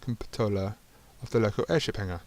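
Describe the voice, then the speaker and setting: A man's voice: lowish voice, fairly quick, darkish tone. A man reading a narrative game's text aloud, stumbling over words and adding dry asides of his own. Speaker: gaming channel host.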